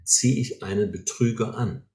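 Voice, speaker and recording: A man's voice: on the low side, moderate pace, darkish tone. A man explaining ideas in an earnest way, often checking in with short tags like "right?", in a conversation. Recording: roomy echo.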